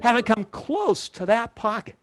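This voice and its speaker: High-voiced man performing magician patter. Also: very animated, normal speed, a bit bright, dry recording. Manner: repetitive step-by-step build-up to a reveal. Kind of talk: magic trick stage patter.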